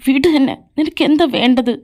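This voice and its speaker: A woman's voice: sits high, fairly quick, a little mellow, pitched above the performer's own voice. A woman voicing a heartbroken young man in a fan audio drama, pleading and tearful. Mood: distressed. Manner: pleading, crying out in protest. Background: faint background music.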